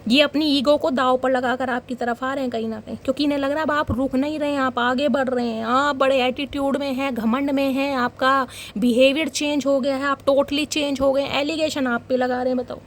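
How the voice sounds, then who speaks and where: A young woman reading tarot cards for her viewers. She talks in a dramatic, animated way and keeps calling them guys. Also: high voice, brisk, few pauses, a little hiss or hum. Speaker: tarot reader.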